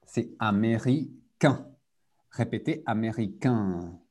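A man's voice: on the low side, expressive, slow pace, darkish tone, husky. A man teaching a live French group lesson over a video call, switching between French and English and drilling repetition.

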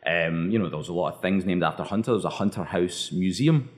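A man from Scotland with a thick Scottish accent speaks quickly in a deep voice. He answers interview questions conversationally in the role of a bar owner.

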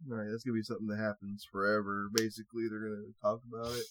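A man's voice: on the low side, little pitch movement, rapid-fire, a bit bright, a little hiss or hum. A young man co-hosting a casual chat, reading a story aloud in an easygoing way with laughs. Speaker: podcast co-host.

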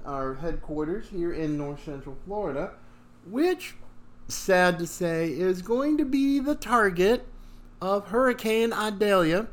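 A man hosting a podcast in a conversational monologue, showy like a ringmaster when announcing and halting between phrases. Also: high-pitched. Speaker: podcast host.

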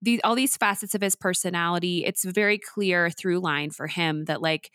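A woman with a fairly low voice co-hosts a relaxed conversational podcast, speaking in a steady, affirming way. At times she guides listeners through a gentle breathing exercise. The sound is close and dry, with no room around it. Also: normal speed, no echo. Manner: affirming, steady, leads a calm mindfulness exercise. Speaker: podcast co-host.

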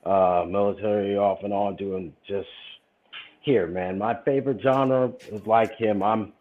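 A man's voice: fairly low pitch, steady tone, measured pace, phone-quality sound, slight background noise. A man from the United States, a guest DJ chatting casually and easily. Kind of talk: casual chat.

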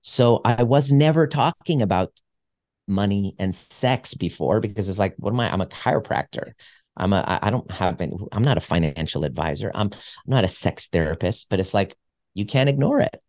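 Deep-voiced reflective man. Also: expressive, normal speed, a little mellow, dry recording, studio quality. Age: 40s. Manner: reflective, earnest, with frequent restarts. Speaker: podcast guest, chiropractor. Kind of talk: casual conversation.

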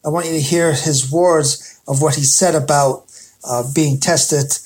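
A man hosting a sports radio show, talking in a halting, hesitant way with frequent pauses. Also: a little high, steady tone, darkish tone, breathy edge. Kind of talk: loosely scripted sports talk commentary.

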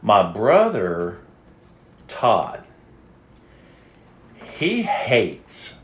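A man's voice: lowish voice, wildly swooping pitch, drawn-out words, fairly bright tone, echoey room, slight background noise. A man hosting a podcast, chatting casually in a rambling, jokey and crude way. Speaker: podcast host. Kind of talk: casual chat.

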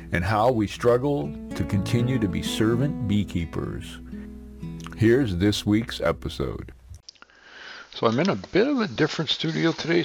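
An older man hosting his podcast in a rambling, self-correcting way, his voice carrying a heavy echo like a canyon. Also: on the low side. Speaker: podcast host and beekeeper. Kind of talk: casual solo podcast talk. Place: unfamiliar studio room. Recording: long echoing reverb, dull lo-fi sound.

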